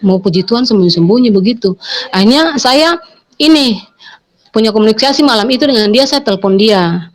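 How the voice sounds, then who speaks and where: A woman's voice: on the high side, expressive, brisk, pauses often. A middle-aged woman retelling a personal testimony, hesitant, with many fillers and self-corrections. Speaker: interviewee giving a testimony. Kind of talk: personal testimony retold in conversation.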